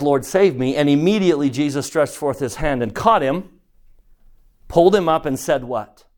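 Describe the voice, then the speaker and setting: A man teaching a scripture lesson to a group, asking his listeners questions in a slow, emphatic way. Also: a little high, a little mellow. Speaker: church teacher.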